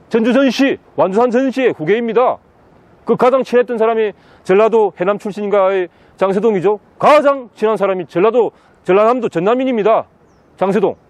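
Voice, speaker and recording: A man's voice: high voice, darkish tone, no room sound. A man giving an impassioned outdoor interview, pressing his points by repeating the same words again and again. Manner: insistent, hammers key words again and again. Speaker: interviewee, political commentator. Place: outdoors in a city.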